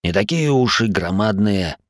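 A man's voice: on the low side, animated, moderate pace, no echo, studio quality, lightly acted. A man voicing a hot-headed, crude American soldier type in an audiobook. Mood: boastful. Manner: crude, quarrelsome. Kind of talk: audiobook character voice.

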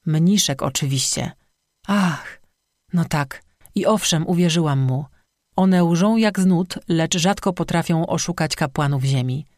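A narrator voicing a stern, gentle old woman shaman who speaks calmly and gravely, in audiobook dialogue. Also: low-pitched, a little slow, no echo, clean studio sound. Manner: calm, grave, motherly admonishing.

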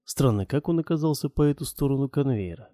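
A man reading a first-person audiobook in a measured, matter-of-fact way. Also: mid-range voice, lively intonation, mellow, dry recording, clean studio sound. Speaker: audiobook narrator.

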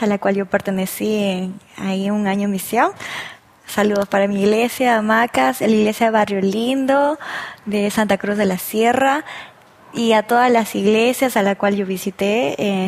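A woman from Peru, a missionary guest on a religious talk show, speaking gently and introducing herself with soft fillers. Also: mid-range voice, vocal fry. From Peru, Loreto region.

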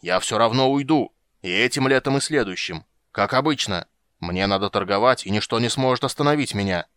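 A man doing a gruff, shouting old dwarf. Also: lowish voice, brisk, no echo, clean studio sound, lightly acted. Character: grumpy stubborn old male dwarf.

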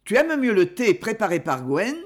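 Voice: mid-range voice, sing-song, moderate pace. Tense young rajah, curt and clipped, bit suspicious, read by the narrator.

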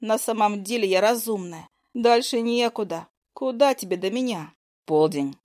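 Expressive woman narrating an audiobook. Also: on the high side, normal speed. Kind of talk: first-person audiobook narration.

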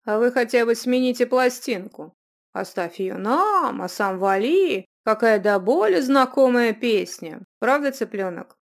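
A woman's voice: on the high side, normal speed, darkish tone, close to an everyday voice. A woman voicing a defiant young man with a mocking, blunt way of speaking.

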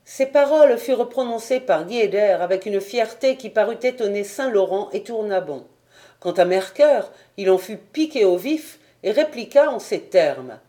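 A woman narrating a historical novel as an audiobook reader, in a calm storytelling manner. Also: mid-range voice, normal speed. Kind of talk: scripted narration.

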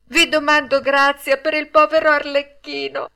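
A woman doing a shrill pleading puppet boy. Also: flat delivery, normal speed, creaky, bright, forceful tone, exaggerated voice. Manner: high, tearful, pleading.

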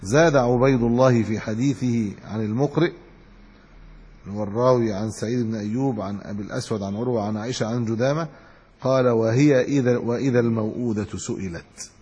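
A man's voice: medium pitch, quick pace, a little mellow, husky. A man giving a religious lesson. He reads chains of narrators, then explains them in plain words with some restarts. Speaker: sheikh teaching hadith. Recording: dull lo-fi recording with long hall reverb.

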